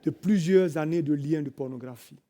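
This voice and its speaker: A man with a French accent preaching in church, telling a story dramatically, moving from hushed tones to loud cries and bits of sung hymn. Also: on the high side, moderate pace. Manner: dramatic storytelling, swelling from hushed to shouting and singing. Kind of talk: sermon storytelling.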